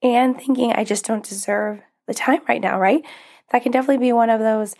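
A young woman hosts her own podcast and works as a life coach, chatting casually in a slightly high, steady voice that's fairly quick and a bit mellow. She's upbeat and encouraging, full of little laughs and fillers. Her voice is still recovering from being lost, so it sounds a little strained and may crack.

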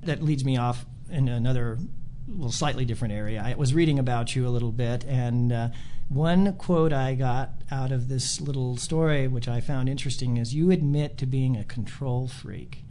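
A man's voice: mid-range voice, normal speed, hardly any pauses, dark tone, slight background noise. A man interviewing a scientist on a podcast, asking questions in a friendly, conversational way.

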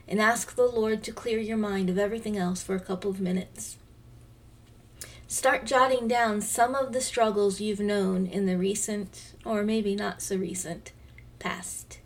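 A woman in her fifties reading her devotional aloud as podcast host. She speaks gently and reflectively, sometimes dropping to a soft near-whisper. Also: mid-range voice, fairly even intonation, unhurried. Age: 50s. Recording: voice slightly distant from the mic.

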